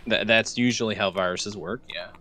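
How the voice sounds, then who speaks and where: A man's voice: fairly low pitch, normal speed, a crowd in the background. A man chatting with friends in voice chat during a game, with dry, sarcastic remarks. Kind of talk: casual gaming chat.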